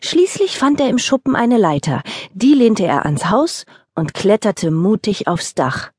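A woman narrating a children's audiobook in a gentle, lively storytelling voice. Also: mid-range voice, a little slow, slightly rough, no room sound, clean studio sound.

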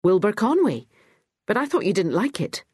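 A woman's voice: medium pitch, sing-song, normal speed, darkish tone, breathy edge, dry recording, clean studio sound, voice pushed up. Woman doing a teasing Scotsman in a drawl. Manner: playful, teasing. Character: Scottish man with put-on American drawl, teasing.

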